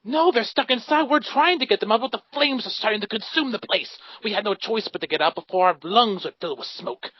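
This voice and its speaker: A man's voice: sits high, expressive, brisk, hardly any pauses, slightly rough, no room sound. A man voicing a male adventurer who pleads and scolds in an exasperated, theatrical way, recorded on dull, dry lo-fi sound. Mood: urgent. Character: indignant pleading male adventurer, fast talker.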